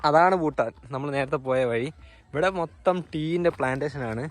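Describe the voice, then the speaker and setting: A man's voice: on the high side, moderate pace. A man travel vlogger casually narrating outdoors while walking through hills and a market, chatty and guiding viewers. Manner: chatty, guiding viewers, often tags sentences with "you know". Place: outdoors on a tea estate, hills and a village market.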